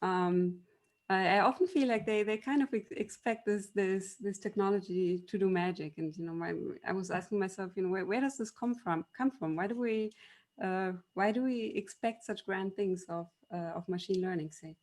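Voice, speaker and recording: A German university lecturer in machine learning gives debate panel remarks with a German accent, explaining through stories and full of ums and restarts. Her mid-range voice is a little mellow and moves at a moderate pace.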